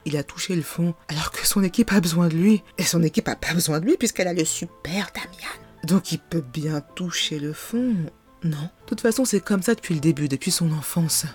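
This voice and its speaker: A podcast host in a casual commentary monologue. The voice sits mid-range, and the delivery is rhetorical and animated, often breaking into laughter. Soft music plays faintly in the background. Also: mid-range voice, brisk.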